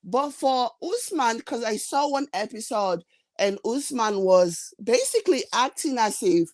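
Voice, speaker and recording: A woman's voice: fairly high pitch, animated, measured pace, a little mellow, no echo. Blunt scolding woman. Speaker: reality TV commentator. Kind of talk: opinionated vlog rant.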